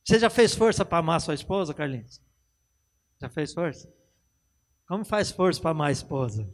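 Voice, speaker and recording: A man's voice: a little high, very animated, normal speed, long reverb tail. A Brazilian man preaching a conversational sermon to a congregation, bantering with people by name and acting out little dialogues. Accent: Brazilian Portuguese. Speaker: pastor. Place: church hall.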